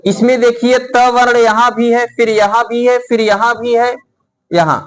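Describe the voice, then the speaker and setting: A middle-aged man teaching a classroom lesson, explaining slowly and dictating notes for students to write down. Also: extremely high pitch, steady tone, poor audio. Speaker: Hindi teacher. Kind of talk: classroom lecture.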